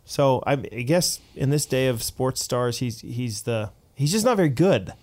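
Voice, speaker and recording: Male pastor, casual chat, lively, often restarts mid-thought. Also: medium pitch, normal speed.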